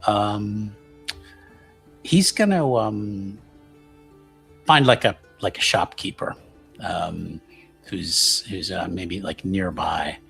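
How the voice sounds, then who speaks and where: Soft music plays behind a man with a deep, gravelly, slightly bright voice as he improvises his character's moves in a tabletop RPG, musing aloud haltingly and cracking jokes.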